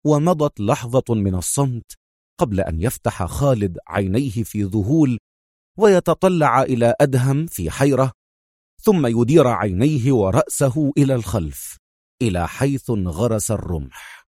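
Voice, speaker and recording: A male narrator reading a spy thriller with a lively, rising and falling delivery. His voice sits close to the microphone in a dry recording with no room around it. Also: mid-range voice, moderate pace, dry recording. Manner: expressive storytelling. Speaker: audiobook narrator. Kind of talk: dramatic scripted narration.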